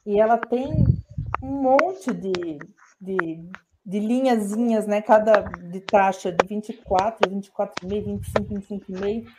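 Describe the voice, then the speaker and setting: A woman's voice: mid-range voice, a little slow. Casual woman host, joking asides, noticeable background noise. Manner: relaxed, joking interjections. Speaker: program host. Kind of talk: casual online program chat. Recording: audio with clear background noise.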